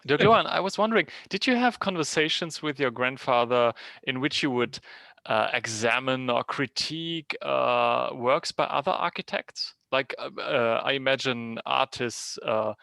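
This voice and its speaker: A man moderating an interview, asking polite, measured questions. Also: medium pitch, creaky, bright, forceful tone, no room sound.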